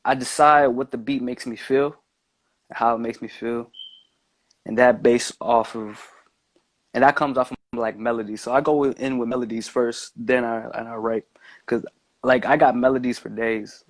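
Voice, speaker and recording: A man's voice: mid-range voice, fairly even intonation, normal speed, no echo, rough recording. A man talking as a podcast guest in a loose, meandering, slangy way, peppered with filler words. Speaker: podcast guest, music maker. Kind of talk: casual chat, slangy.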